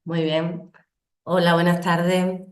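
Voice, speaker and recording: A woman with a cold presenting a community project in an online training session, speaking slowly and deliberately. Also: lowish voice, flat delivery, reverberant. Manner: slow, deliberate delivery. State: has a cold.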